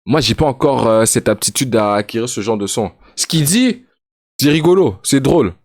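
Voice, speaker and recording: A man's voice: mid-range voice, expressive, normal speed, no room sound, clean studio sound. A man giving casual, joking reaction commentary as a streamer, mixing English slang into his talk. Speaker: streamer reacting to a music video.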